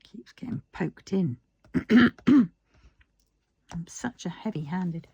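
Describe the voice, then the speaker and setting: A British woman chatting casually while crafting, musing half to herself in a husky, breathy voice. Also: fairly low pitch, lively intonation, moderate pace, mellow, dry recording, muffled recording.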